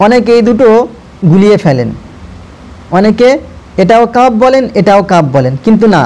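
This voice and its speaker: উঁচু গলার ধৈর্যশীল কোরআন শিক্ষক. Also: male voice, high voice, very animated, darkish tone. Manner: repeats each letter slowly, drawing out vowels, patient instructive tone; addresses viewers directly, urging them to listen closely. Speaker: Quran reading teacher. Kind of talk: slow step-by-step recitation lesson.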